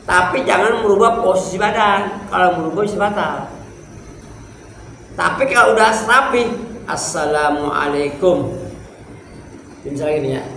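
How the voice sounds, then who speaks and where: A male religious teacher, his fairly high voice echoing around a small prayer hall. He explains a text line by line and speaks straight to the men in the congregation. A faint hiss sits under the recording. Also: a little fast, sharp tone. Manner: explains a text line by line, acts out examples, talks to the congregation as "Pak". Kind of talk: religious study lesson. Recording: echoey room with faint background hiss.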